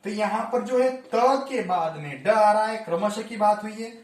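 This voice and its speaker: A man's voice: sits high, normal speed. A man teaching a Hindi grammar lesson for exam preparation, explaining each rule step by step and repeating it. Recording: echoey room, mic at a distance.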